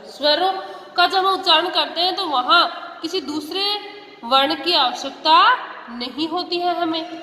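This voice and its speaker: High-voiced woman teaching children, echoey room. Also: pushed and bright. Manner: patient, asks questions and answers them herself; addresses children directly. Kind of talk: classroom Hindi grammar lesson. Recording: echoey room with long reverb.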